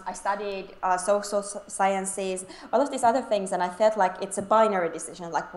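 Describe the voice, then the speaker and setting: A woman's voice: medium pitch, reverberant. A young woman from Finland, chatting as an interview guest, laughing often and restarting her sentences. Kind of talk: casual interview chat.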